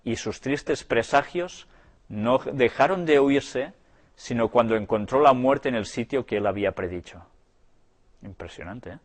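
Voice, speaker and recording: A man preaching a sermon. He reads passages slowly and with emphasis, then comments on them in a conversational way with tag questions. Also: mid-range voice. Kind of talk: sermon reading aloud and commenting.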